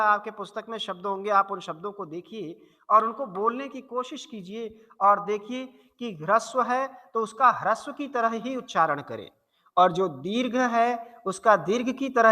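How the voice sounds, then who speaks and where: A man teaching Hindi grammar in a north Indian accent, his voice high and very bright. He speaks slowly and deliberately, sounding out each example word. The sound rings with a long hall reverb. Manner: slow, deliberate, repeats example words to model pronunciation. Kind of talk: explanatory classroom lesson.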